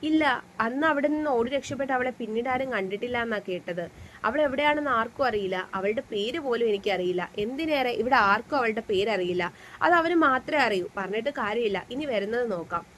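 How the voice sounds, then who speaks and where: A woman's voice: on the high side, animated, a little fast, a bit bright, slight background noise. A woman voicing a young man who acts as a protective elder-brother confidant, speaking earnestly and reassuringly in a storybook reading. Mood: confiding.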